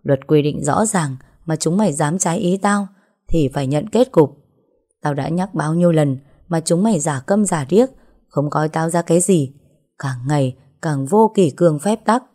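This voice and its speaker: A woman's voice: low voice, moderate pace, dark tone. A woman voicing a ruthless middle-aged female gang boss who speaks in a harsh, commanding way.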